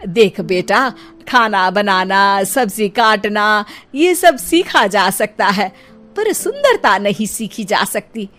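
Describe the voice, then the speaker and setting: An actress voicing a proud, boastful middle-aged mother-in-law who scolds and lectures slowly. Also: medium pitch, animated, a bit bright, soft background music. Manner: slow, scolding and preachy.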